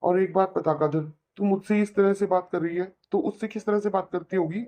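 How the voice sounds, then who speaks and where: A performer voicing an elder brother in a cartoon, calmly scolding and lecturing with a Hindi accent. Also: medium pitch, brisk, natural voice. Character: reasonable elder brother, young married man. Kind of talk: cartoon voice acting.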